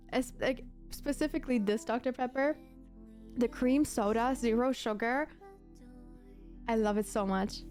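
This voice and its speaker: Born in Germany and raised in Berlin, this native German speaker livestreams a casual chat with her viewers. Her voice is a little high and mellow, and she talks in a gushing, emphatic way, often repeating herself.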